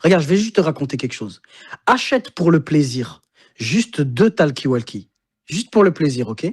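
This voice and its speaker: A male guest on a casual livestream, telling stories with easy self-assurance. His voice is husky and sits slightly high, and he calls his listener "bro" again and again. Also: big pitch swings, moderate pace, a little mellow. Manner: storytelling, self-assured, keeps saying "bro".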